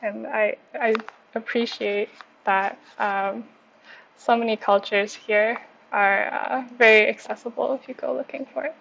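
A woman's voice: on the high side, steady tone, unhurried, creaky, a bit bright, a little hiss or hum. A woman from Canada in a casual discussion, speaking in an upbeat, friendly way. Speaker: panel guest. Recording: dull lo-fi recording.

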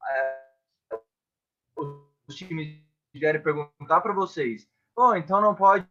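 A man's voice: a little high, takes it slowly, pushed and bright, highs cut off, soft background music. A man explaining rules in an online class over a video call, his audio glitching and breaking up. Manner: explains patiently with frequent check-ins. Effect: choppy glitching call audio. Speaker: football officiating instructor.

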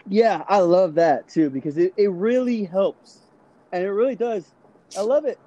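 A man co-hosting a podcast in casual chat, agreeable and quick to laugh. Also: sits high, dark tone, lo-fi sound. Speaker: podcast co-host.

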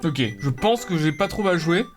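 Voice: medium pitch, animated, moderate pace. A YouTuber doing let's-play commentary, casual and sarcastic, swearing and joking while playing. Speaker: video game YouTuber. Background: game music.

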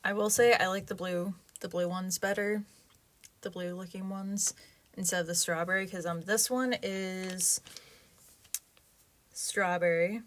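Tucked into a small closet at home, a young woman records a chatty, rambling vlog. She speaks a little slowly in a steady, medium-pitched voice and pauses often, and light background noise can be heard.

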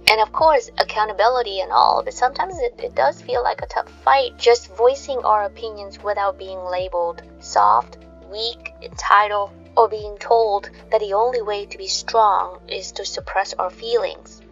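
A woman in her thirties hosting a sleep podcast, talking to listeners in a soothing, calming sleep story narrator manner. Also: mid-range voice, moderate pace, creaky, hardly any pauses. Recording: dull lo-fi sound, faint music behind.

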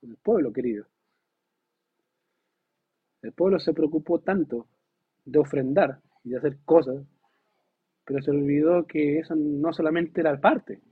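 A man preaching a sermon to his congregation, asking them questions and acting out quoted dialogue in a lively way. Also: on the high side, unhurried, pauses often, breathy edge. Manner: lively, voices God and biblical figures in quoted dialogue. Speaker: pastor. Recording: dull lo-fi recording.

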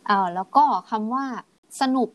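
Thai woman slowly modeling dialect phrases. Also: a bit bright, dry recording. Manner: explains patiently, models phrases slowly for repetition. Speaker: podcast co-host. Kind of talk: casual bilingual chat teaching dialects.

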